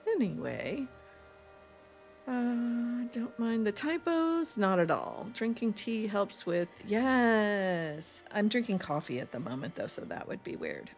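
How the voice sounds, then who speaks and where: A woman's voice: medium pitch, very animated, slow, soft background music. A woman with an East Coast accent, streaming a game and chatting in a rambling, laughing way while reading chat aloud. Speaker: gaming streamer. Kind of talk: casual let's-play chat.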